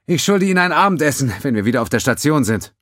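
A man's voice: mid-range voice, sing-song, fast, a bit bright, no room sound, studio quality, voice pushed up. A man voicing a blunt, tense female starship officer who speaks in clipped, cursing remarks. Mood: relieved.

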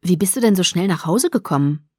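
A woman voicing a nosy, excitable teenage schoolgirl who pries eagerly for gossip. She raises her voice a bit to play her. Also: on the low side, a little fast, breathy edge, no echo, studio quality. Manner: eager, prying, sometimes whispering.

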